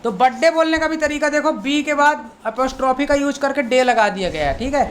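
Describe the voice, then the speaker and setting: A woman teaching an online language lesson, explaining slowly, repeating each point and reading example sentences word by word. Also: sits high. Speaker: English teacher.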